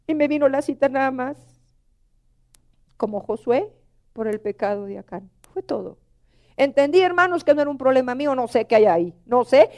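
Middle-aged lady preacher, high mellow voice, pleading and emotional sermon to the church. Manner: emotional, pleading, addresses the congregation as brothers.

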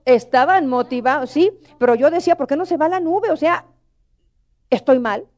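A woman's voice: high-pitched, normal speed, a little mellow. A middle-aged woman preaching a sermon, emotional and pleading, often calling out to the congregation.

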